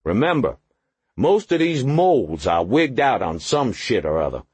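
A man's voice: medium pitch, big pitch swings, normal speed, darkish tone, slightly rough, no room sound, pitched above the performer's own voice. A man reading an audiobook, voicing a blunt, overweight male police lieutenant who gives coarse, bossy orders.

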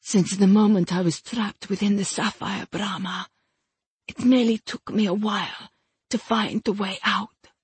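A woman reading an audiobook puts on a seductive spirit of the gem, breathy and hushed, with every line soft and honeyed. She speaks slowly and possessively, and the voice sits close and dry. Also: mid-range voice, fairly even intonation, no room sound. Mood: honeyed whisper. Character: seductive ancient female spirit bound in a gem. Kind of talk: audiobook character voice.

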